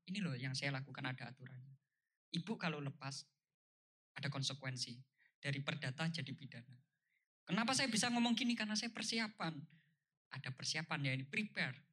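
A man's voice: medium pitch, lively intonation, a little fast, long pauses, sharp tone, husky. A man giving a motivational seminar talk to a live audience, emphatic and repetitive, who keeps asking his listeners rhetorical questions. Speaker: seminar speaker.

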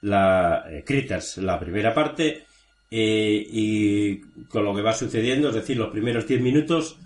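A man's voice: fairly low pitch, unhurried. A man with a Spain accent co-hosting a film show, giving summaries and comments. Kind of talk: scripted plot summary and casual discussion. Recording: roomy, echoey sound.

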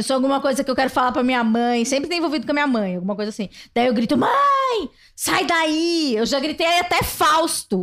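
High-voiced, animated Brazilian woman host. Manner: animated, laughing storyteller. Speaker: podcast host. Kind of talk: casual chat.

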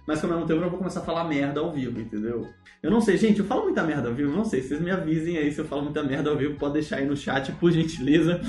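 A man's voice: a little high, a little mellow, echoey room. A man with a Brazilian accent hosting a live podcast, joking, teasing and reading questions from the chat. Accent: Brazilian Portuguese. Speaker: podcast host.

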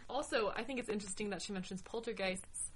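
A woman's voice: medium pitch, fast talker, slight background noise, poor audio. Chatty woman podcast co-host. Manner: chatty, laughs easily, thinks aloud. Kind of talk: casual podcast discussion.

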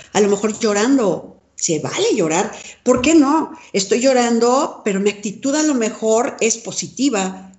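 A woman talks as an interview guest, earnest and reflective. Her voice sits a little high. She keeps turning to the listener with rhetorical questions. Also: a little mellow, slight background noise. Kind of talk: reflective coaching talk.

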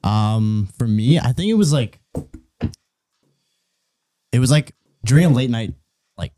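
A young man on a casual podcast, telling a story in a laid-back, slangy way with pauses. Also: mid-range voice, animated, dark tone, slight background noise. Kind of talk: casual chat.

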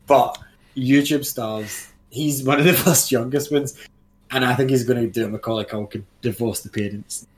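A man's voice: mid-range voice, fairly even intonation, moderate pace. A man in his thirties co-hosting a casual video game podcast, blunt and jokey, swearing freely and talking over his co-host. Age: 30s. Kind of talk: casual chat.

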